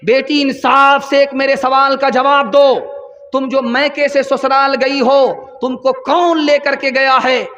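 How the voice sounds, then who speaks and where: A man preaching an impassioned sermon at a religious gathering, his voice rising to shouts at its peaks. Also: extremely high pitch, flat delivery. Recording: dull reverberant public-address recording.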